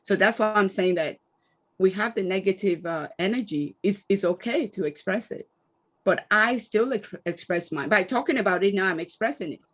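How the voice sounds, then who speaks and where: A woman speaking on an online panel, answering a question in an animated storytelling way and acting out quoted exchanges. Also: fairly low pitch, lo-fi sound.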